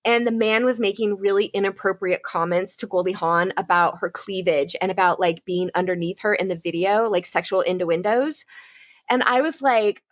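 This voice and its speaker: Woman podcast co-host, middle pitch, heated and profane pop culture rants. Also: normal speed. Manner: fired-up, profane ranting. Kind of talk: casual pop culture chat.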